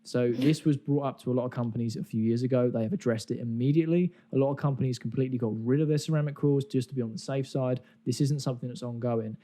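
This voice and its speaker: A man's voice: mid-range voice, steady tone, fast, hardly any pauses, warm tone. A man hosting a podcast, explaining things in a casual, chatty way. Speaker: podcast host.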